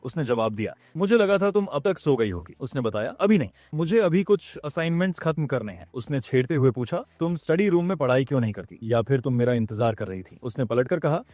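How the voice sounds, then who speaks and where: A man narrating a story recap, reading every character's lines with only slight pitch shifts. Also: a little mellow, dry recording.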